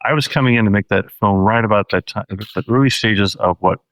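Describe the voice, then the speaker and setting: A man from Washington State, a documentary filmmaker telling his story in a relaxed, steady interview manner. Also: lowish voice, fairly quick, no room sound, poor audio. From Washington State, USA.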